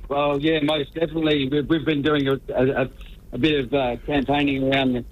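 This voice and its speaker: A man's voice: medium pitch, flat delivery, slight background noise. Muffled, hesitant man on radio. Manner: hesitant, halting, repeats words. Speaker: radio interview guest. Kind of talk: casual interview answers. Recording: dull, band-limited radio call-in.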